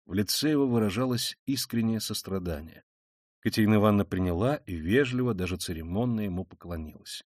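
A man narrating an audiobook of a classic novel in a measured storytelling manner. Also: on the low side, darkish tone, no echo, studio quality.

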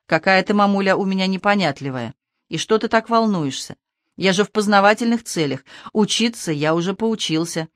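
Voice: mid-range voice, animated, fairly quick, no room sound, lightly acted. A reader voicing a cheeky young man who jokes with his worried mother in a teasing, breezy way.

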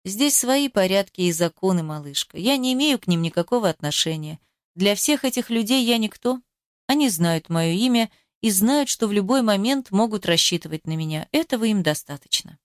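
A woman reading an audiobook, voicing a stern, intense, protective grown man in a low, hushed, grave tone. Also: lively intonation, moderate pace, no room sound, clean studio sound, close to an everyday voice. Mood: calm.

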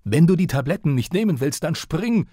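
A man's voice: medium pitch, expressive, brisk, darkish tone, husky, dry recording, clean studio sound, voice pushed up. A man voicing an enraged father who screams hysterically at his young son. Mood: screaming. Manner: shrieking, hysterical, threatening.

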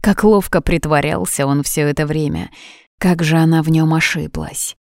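Low-voiced woman narrating an audiobook. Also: fairly even intonation, moderate pace, a little mellow, dry recording, studio quality.

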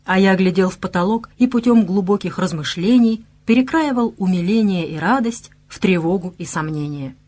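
A woman reads a fantasy audiobook aloud in a measured, even way. Her voice sits at a medium pitch. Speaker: audiobook narrator. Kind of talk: scripted audiobook narration.

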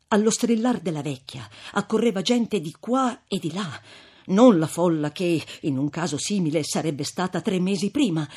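Husky woman reading a classic novel. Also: fairly low pitch. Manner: measured, expressive storytelling. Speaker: audiobook reader. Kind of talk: scripted narration of a classic novel.

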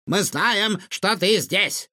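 A man's voice: fairly high pitch, very animated, measured pace, creaky, bright, forceful tone, husky, no room sound, clean studio sound, pitched above the performer's own voice, exaggerated voice. A man voicing a menacing male mad-scientist villain who gloats and barks threats in a storybook reading.

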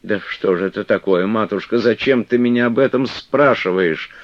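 A man's voice: fairly low pitch, moderate pace, no room sound, pitched above the performer's own voice, natural voice. A man doing a tearful young novice. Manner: tearful, pleading. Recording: dull, dry lo-fi recording.

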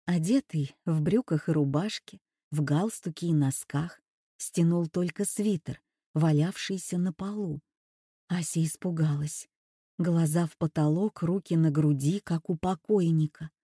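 A woman narrating an audiobook in a measured, even reading voice. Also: low voice, husky, no room sound, clean studio sound. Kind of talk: scripted narration.

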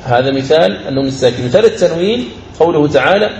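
A male recitation teacher with a fairly high voice gives a lecture, explaining each rule and repeating key phrases. He slows into a melodic chant whenever he recites an example. The room is roomy and echoey, with a faint wash of ambient noise behind him. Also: animated, a little mellow. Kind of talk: recorded lecture on recitation rules.

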